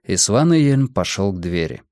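A man narrating an audiobook with expressive storytelling. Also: low-pitched, normal speed, dry recording, clean studio sound. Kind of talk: scripted narration.

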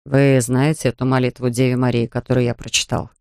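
A reader voicing a frightened male surgeon who mutters in a low voice. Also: little pitch movement, fairly quick, a little mellow, dry recording, studio quality, close to an everyday voice. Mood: hushed relief. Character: frightened male surgeon, praying under pressure.

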